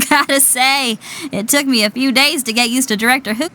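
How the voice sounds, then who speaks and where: A woman's voice: high-pitched, normal speed, bright, forceful tone, a little hiss or hum. A woman voicing a bold young female rock musician in a video game, easygoing and confident. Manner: easygoing, laughs often.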